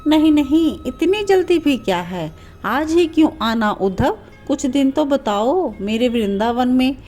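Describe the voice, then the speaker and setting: A tender, tearful young god Krishna, as a woman storyteller puts him on, pleading in a slow, heartfelt voice. The reading is unhurried, with soft music playing behind. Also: fairly high pitch, expressive. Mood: urgent.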